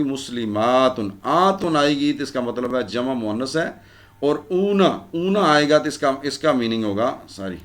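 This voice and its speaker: Man, grammar teacher, recorded lesson, mid pitch, repeats endings, answers own questions. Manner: repetitive drilling of word endings, asks and answers own questions.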